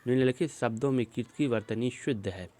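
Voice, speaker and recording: A man teaching an exam-prep lesson, working through spelling questions shown on a screen and slowly repeating each word as he explains it. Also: mid-range voice, warm tone.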